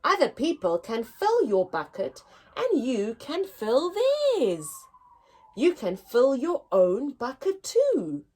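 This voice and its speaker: A woman with a high, slightly rough voice reads a picture book to young children at story time. Her style is expressive, deliberate and teacher-like.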